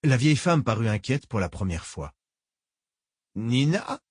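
A man reading an audiobook as narrator, measured storytelling. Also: fairly low pitch, very animated, a little mellow, slightly rough, no echo, studio quality.

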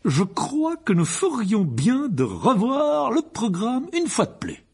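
A man voicing a pompous, blustering middle-aged uncle in an audiobook, with slow, booming emphasis. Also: huge pitch swings, breathy edge, heavily acted. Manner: booming, self-important, slow emphatic delivery.

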